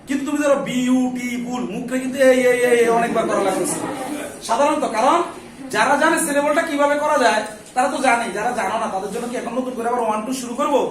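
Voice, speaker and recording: This English grammar teacher is a man with a very high-pitched, fairly bright voice who throws questions at the class, supplies the answers himself, and tells off anyone talking. He's captured from a distance in an echoey classroom, with faint hiss or hum.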